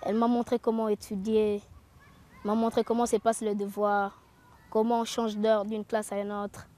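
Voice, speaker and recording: A young woman and newcomer student, speaking calmly and reflectively in a documentary interview. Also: medium pitch, moderate pace.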